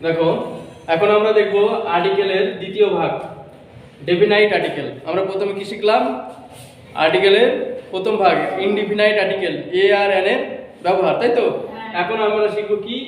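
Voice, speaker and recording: Male teacher, high voice, very echoey room, asks and repeats, classroom lesson. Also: fairly even intonation, fairly quick, long pauses, slight background noise. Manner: asks questions and repeats answers. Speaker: English teacher. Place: coaching classroom.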